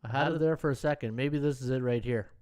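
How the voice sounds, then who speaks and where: On his casual sports betting livestream, a man from Canada chats with viewers, calling them by name and leaning heavily on "uh." His medium-pitched, darkish voice moves quickly, and the USB desktop microphone echoes with a hollow, tunnel-like effect.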